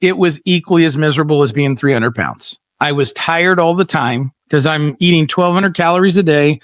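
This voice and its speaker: A man's voice: on the high side, moderate pace, no room sound, clean studio sound. A middle-aged man hosting a casual livestream chat, telling stories bluntly and animatedly with lots of fillers. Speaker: podcast host.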